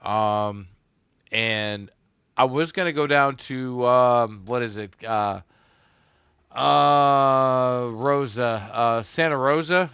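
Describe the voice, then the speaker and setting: A man's voice: mid-range voice, fairly bright tone, clear, resonant tone, dry recording, highs cut off. A man hosting a casual livestream, rambling and a bit tipsy from a couple of beers, talking loosely and swearing to his chat. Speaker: livestream host.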